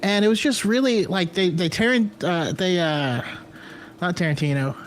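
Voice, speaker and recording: A man's voice: sits high, moderate pace, a little hiss or hum. A man co-hosting a casual live show, telling stories in a rambling way with many stumbles and restarts. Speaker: podcast co-host. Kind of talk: casual live-stream chat.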